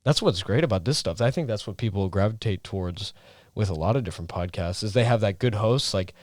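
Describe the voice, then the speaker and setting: A man's voice: lowish voice, quick pace, a little mellow, no room sound, studio quality. A young adult man co-hosting a podcast, talking casually with many fillers and restarts. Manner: rambling, filler-heavy. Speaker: podcast co-host. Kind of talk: casual chat.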